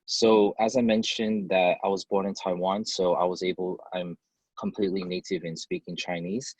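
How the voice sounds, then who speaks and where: A man's voice: low-pitched, little pitch movement, moderate pace, no room sound, rough recording. A man raised in the United States, a company head answering interview questions over a video call, chatty with fillers and restarts. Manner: conversational, many fillers and restarts. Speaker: company CEO, guest.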